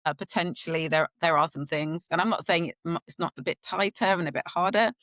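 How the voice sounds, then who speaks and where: A woman's voice: on the low side, fast talker, no room sound. A woman hosting a podcast interview, rambling a little with many fillers. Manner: warm, rambling, frequent fillers. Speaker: podcast host.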